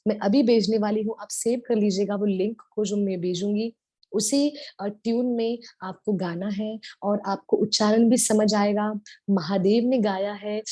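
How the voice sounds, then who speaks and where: In a medium-pitched voice without any room sound, a devotional speaker shares stories in a tender, animated way. Her talk blends Hindi with English words.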